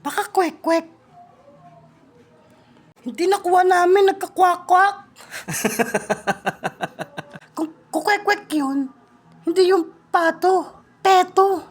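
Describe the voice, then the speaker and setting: A woman talking in a playful, teasing comic skit with quick back-and-forth. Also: very high voice. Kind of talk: comedic skit with several voices.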